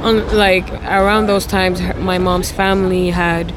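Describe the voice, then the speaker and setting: A woman's voice: fairly low pitch, little pitch movement, a little slow. A woman in her twenties, who grew up in Finland and Sweden, talks as a guest in a casual interview, hesitant and full of fillers. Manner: hesitant, many fillers and restarts. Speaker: guest singer. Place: outdoors beside a festival venue. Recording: outdoor street noise behind. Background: street and traffic noise.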